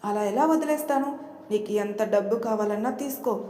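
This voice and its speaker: A woman's voice: medium pitch, moderate pace, dark tone, natural voice. A woman voicing a smug, mocking male villain who schemes in an audio story. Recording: echoey room with long reverb.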